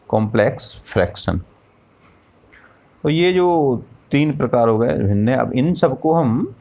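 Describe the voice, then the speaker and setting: Male math teacher, lower pitch, very slow and patient classroom delivery, self-answered questions. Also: darkish tone. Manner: slow, patient explaining with rhetorical questions and counting aloud.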